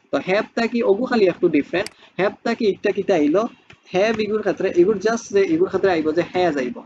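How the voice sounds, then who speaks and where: A man's voice: sits high, darkish tone, dull audio, a little hiss or hum. A man teaching spoken English, who explains step by step and keeps asking rhetorical questions.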